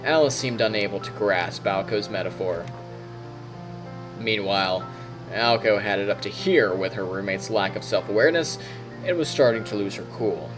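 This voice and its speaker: A male live streamer narrates a visual novel aloud with plenty of expression, close to his microphone. His voice is lowish and his pace moderate, with music faintly in the background.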